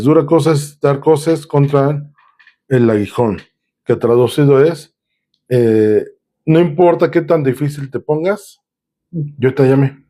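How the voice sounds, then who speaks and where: A man's voice: mid-range voice, warm tone. A man preaching a sermon, reading Bible verses aloud and explaining them in a conversational way, with filler sounds and restarts. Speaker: pastor.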